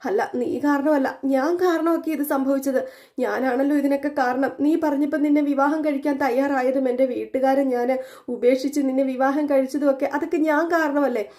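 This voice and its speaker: A woman's voice: high-pitched, steady tone, a little fast, a little mellow, pitched above the performer's own voice. A woman voicing a grieving young man who pleads and blames himself as he cries to his wife. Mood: distraught. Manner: sobbing, pleading, self-blaming.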